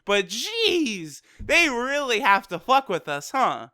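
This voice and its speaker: A man's voice: very high voice, wildly swooping pitch, slow, bright, forceful tone, no echo, clean studio sound. A young man casually reviewing an anime episode, talking loosely and profanely with lots of "you know" and "like.".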